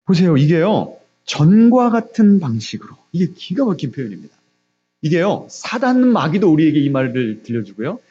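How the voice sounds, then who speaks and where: A middle-aged man preaching at an early-morning service, his fairly high voice rising as he presses the congregation with question after question. The recording is dull and lo-fi, as if from a church stream. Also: big pitch swings, fairly quick, dark tone, breathy edge. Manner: questioning the congregation, emphatic rises. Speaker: pastor. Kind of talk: sermon. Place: church sanctuary, also streamed on video call.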